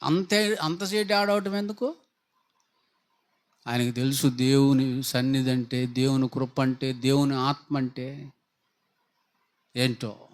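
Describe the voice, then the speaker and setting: A man's voice: medium pitch, steady tone, slow, long pauses. A man preaching a sermon, pressing his listeners with rhetorical questions and fervent appeals. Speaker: pastor. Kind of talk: Telugu sermon.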